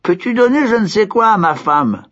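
A man voicing a simple-minded young peasant hero, calling out in a high excited voice. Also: moderate pace. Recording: dull lo-fi recording.

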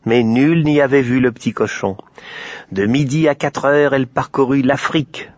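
A man reading a children's tale aloud, lively with playful asides. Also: medium pitch, normal speed, dry recording. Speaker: storyteller. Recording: dry, slightly dull lo-fi recording.

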